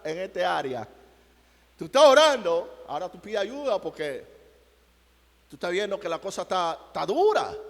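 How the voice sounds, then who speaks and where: A man preaching in a church, his voice sitting a little high for a man. He moves from hushed passages to loud, emphatic cries. A long reverb from the room trails behind his words. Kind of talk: sermon.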